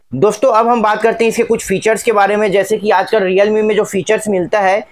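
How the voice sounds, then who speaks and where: A man with a fairly high voice talks viewers through a gadget unboxing. His delivery is chatty and repetitive, and he keeps pointing out each part as he handles it. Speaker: tech reviewer. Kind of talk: casual product unboxing narration.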